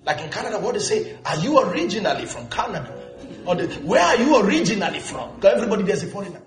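A male pastor delivers a lively, joking sermon, often turning to the congregation with questions. His voice sits high for a man. The sound is roomy and echoey, with music playing underneath. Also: fast talker. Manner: animated preaching with humor and call-and-response questions. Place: church.

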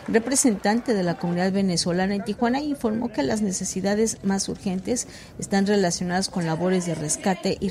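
A woman's voice: medium pitch, darkish tone. A woman news reporter reading a report steadily, now and then using a filler word. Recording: background noise.

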